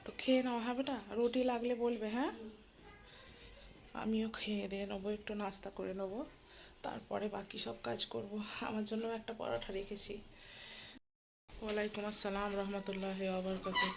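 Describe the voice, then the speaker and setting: A woman in her thirties narrating a casual home vlog as a mother, chatty and full of fillers, often speaking softly indoors. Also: medium pitch, fairly even intonation, fairly quick, low-quality recording. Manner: chatty, filler-heavy, talks softly at times so the baby keeps sleeping. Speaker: vlogger and mother. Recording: home recording with clear background noise.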